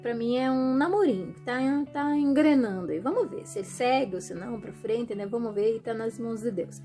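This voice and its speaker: A woman talking to her viewers in a chatty, animated way, often acting out what other people say. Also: a little high, a little fast, soft background music. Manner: chatty, animated, acts out quoted voices. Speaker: vlogger. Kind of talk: casual monologue to camera.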